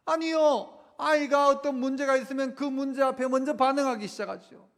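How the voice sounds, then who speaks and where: A man preaching a Sunday sermon in a very high voice, leading the congregation in repeating phrases and drawing out key words for emphasis. He slips into quoted voices now and then. The sound carries a long reverb from a large sanctuary. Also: fairly even intonation, a bit bright. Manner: leads congregation in call-and-response repetition; slows down to stress key phrases. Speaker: pastor. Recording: long church hall reverb.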